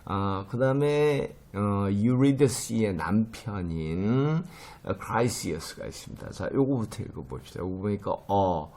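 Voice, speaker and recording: A middle-aged male teacher talks his class through a lesson in a very low, deep voice. He moves slowly and unhurriedly, pausing on fillers and saying each word over several times so students can follow along. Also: expressive, a little mellow. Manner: slow, hesitant, full of fillers, repeats words for students. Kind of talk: lecture on Greek myth names and pronunciation.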